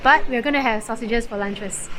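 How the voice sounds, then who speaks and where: Woman, travel vlogger, casual chatty narration, outdoors, music clearly behind. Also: a little high, fairly quick, poor audio. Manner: chatty, explains things with fillers like "so" and "like".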